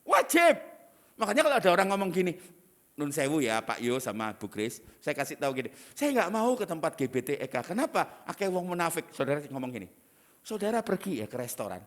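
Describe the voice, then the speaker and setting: A middle-aged man, preaching a sermon as pastor in a lively, teasing manner with asides. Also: mid-range voice, quick pace.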